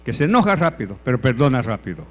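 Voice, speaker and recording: A male pastor preaching a sermon, repeating his points emphatically and swinging between loud and hushed delivery. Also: medium pitch, very animated, fast talker. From El Salvador.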